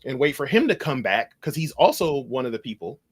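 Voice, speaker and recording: Male podcast guest, mid-range voice, animated storyteller who voices the people in his tale, loose and full of restarts. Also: mid-range voice, a little fast, slightly rough. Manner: animated, acts out dialogue in his stories; loose phrasing with frequent restarts. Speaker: podcast guest, cybersecurity consultant. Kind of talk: conversational storytelling.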